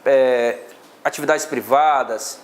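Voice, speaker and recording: A man's voice: mid-range voice, slow. A male law teacher with a Brazilian Portuguese accent, lecturing a class on exam questions and explaining step by step.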